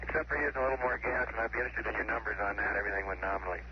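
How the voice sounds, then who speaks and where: A man's voice: lowish voice, little pitch movement, rapid-fire. A man speaking as an astronaut over a radio link, matter-of-fact and technical. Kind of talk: spacecraft radio communication. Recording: dull, noisy archival space radio transmission.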